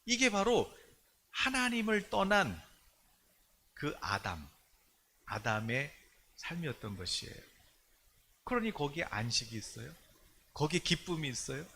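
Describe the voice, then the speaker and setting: A man preaching a sermon as pastor at a prayer meeting in a church. He talks animatedly, asks many rhetorical questions, and swings from loud to hushed. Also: on the high side, sing-song, a little slow, long pauses, slight background noise. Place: church, streamed online service.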